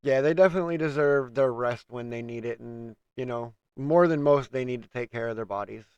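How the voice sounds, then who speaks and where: A man's voice: mid-range voice, fairly quick, clean tone, no echo, lo-fi sound. A man hosting a casual wrestling review, steadily running through a list of news items. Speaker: host.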